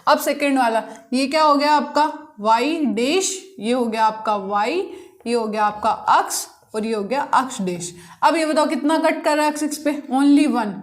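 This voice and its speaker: High-voiced woman teaching maths. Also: moderate pace. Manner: asks the class questions and answers them herself. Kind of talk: classroom lesson explaining problems.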